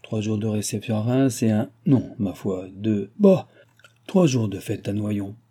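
A man's voice: lowish voice, animated, a little slow, dark tone, husky. A man reading an audiobook, voicing an aging king who is furious and sorry for himself, grumbling and exclaiming bitterly. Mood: scheming.

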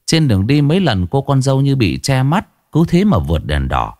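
A man narrating a ghost story in an expressive, dramatic way. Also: mid-range voice, moderate pace, no room sound, clean studio sound.

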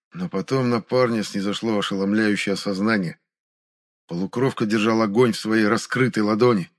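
A man giving scripted narration of a fantasy audiobook in a measured, steady reading. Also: on the low side.

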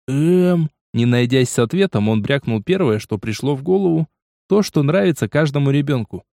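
A man's voice: medium pitch, brisk, creaky, dry recording. Male audiobook narrator, dry sound. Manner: steady, lively storytelling.

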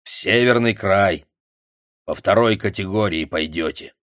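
A man's voice: on the low side, unhurried, a bit bright, no room sound, clean studio sound. A man reading an audiobook voices a brusque village chairman, curt and folksy. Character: brusque middle-aged male village chairman.

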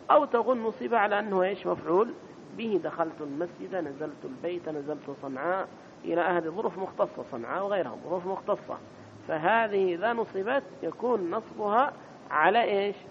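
A man giving a grammar lesson in a mosque, repeating key terms and quizzing his listeners with short questions. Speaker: teacher of Arabic grammar. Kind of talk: classroom lecture explaining grammar. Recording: dull lo-fi recording with faint rumble.

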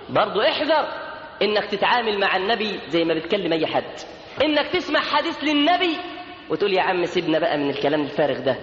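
A man's voice: high-pitched, a bit bright, a little hiss or hum. A man with an Egyptian Arabic accent preaching a sermon in an emphatic way, sometimes chanting lines of verse. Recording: echoey lo-fi hall recording.

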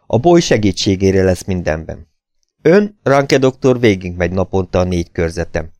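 A man's voice: low voice, big pitch swings, darkish tone, no room sound, studio quality. A man reading as a stern plantation manager. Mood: curt. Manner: cold, businesslike.

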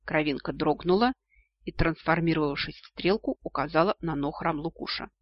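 Husky high-voiced male narrator. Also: moderate pace, no echo. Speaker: audiobook narrator. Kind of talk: scripted narration of a novel. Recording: dull lo-fi audio, dry.

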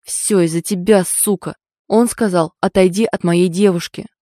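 Woman doing a shocked young man, tense, accusing, dark tone, dry recording. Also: on the low side, steady tone, moderate pace, no room sound, lightly acted. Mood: shaken. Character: shocked, dazed young man, furious and lost.

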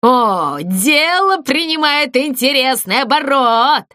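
A woman's voice: high voice, lively intonation, slow pace, pushed and bright, no room sound, exaggerated voice. Lady doing a sneery giggly ghost, cold and bossy, dry sound. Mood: scheming. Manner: mocking, giggling, gloating. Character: icy sneering ghost, male, rule-obsessed trickster.

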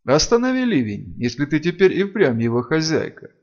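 Man doing a gentle solemn elf keeper. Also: fairly high pitch, big pitch swings, a little fast, dull audio, voice pushed up. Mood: commanding. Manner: soft-spoken, earnest, pleading.

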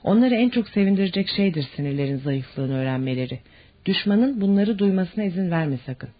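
A reader doing a cool army major who gives orders in a stern, clipped way. The husky voice sits on a dull, lo-fi audiobook track. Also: mid-range voice, lively intonation, fairly quick, close to an everyday voice.

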